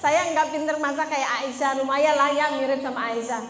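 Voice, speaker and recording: A woman preacher, telling stories in a lively, chatty way and acting out the voices. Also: high-pitched, normal speed. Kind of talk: casual religious talk to women. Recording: echoey hall with faint ambience.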